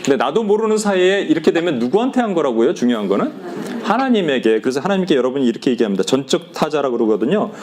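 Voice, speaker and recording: Male pastor, fairly high voice with lively swings, faint room hum behind. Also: fast talker. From Korea. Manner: animated, acts out quoted complaints, addresses listeners directly. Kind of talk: sermon to a small group.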